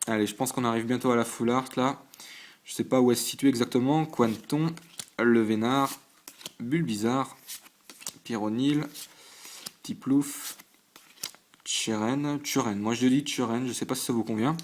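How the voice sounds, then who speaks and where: Sitting at his desk at home beneath a lamp, this channel host opens trading card packs while giving casual on-camera commentary. His medium-pitched voice stays fairly even, with slight background noise. He's chatty but hesitant, running through items one by one with quick reactions, his speech full of fillers, stumbles and restarts.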